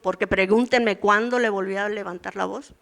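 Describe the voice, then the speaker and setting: A woman's voice: medium pitch, fairly even intonation, moderate pace, gravelly, a bit bright. Woman in her sixties, women's ministry teacher; conversational sermon with acted-out asides. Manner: conversational preaching, acts out voices from daily life and her past.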